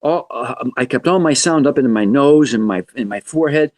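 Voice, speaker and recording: A man in his seventies speaks as a guest on a podcast, telling stories with a joking edge. His voice is of middle pitch for a man but leaps up and drops down often. He sounds animated and playful. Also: a little fast. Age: 70s. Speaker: guest musician. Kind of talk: podcast interview storytelling.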